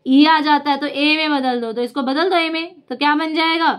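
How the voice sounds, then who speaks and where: High-voiced woman teaching a lesson. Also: steady tone, moderate pace. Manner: asks questions then answers them herself. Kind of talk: casual whiteboard lesson.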